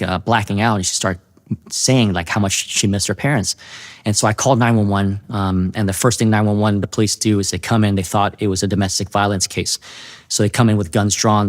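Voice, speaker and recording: A man sharing his personal testimony in an earnest, halting way, often restarting his sentences. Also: lowish voice. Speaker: testimony speaker.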